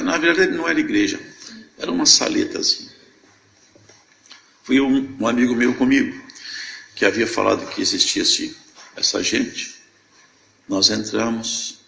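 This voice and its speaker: Older man with a gravelly voice giving a testimony. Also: lowish voice, bright, forceful tone, roomy sound, slight background noise, rough recording. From Brazil, Minas Gerais. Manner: storytelling that acts out remembered dialogue. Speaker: church member giving testimony. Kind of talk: emotional church testimony.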